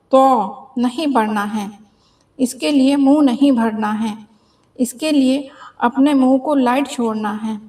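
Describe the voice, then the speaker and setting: A woman with a high voice teaches a beginners' reading lesson at a very slow pace. She draws out each letter sound and repeats it three times. Between the sounds she gives patient, careful explanations.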